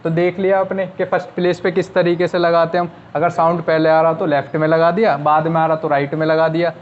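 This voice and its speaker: Male shorthand tutor, patient and repetitive, fairly high voice, lo-fi classroom recording. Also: little pitch movement, quick pace. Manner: patient, repeats rules step by step. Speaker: shorthand teacher. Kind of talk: classroom lesson explaining at a board. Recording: slightly dull lo-fi recording with faint noise.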